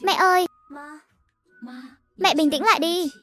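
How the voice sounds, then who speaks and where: Woman voicing a pleading adult son in a cartoon, high voice. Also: a little slow, bright, forceful tone, soft background music, heavily acted. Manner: coaxing, pleading.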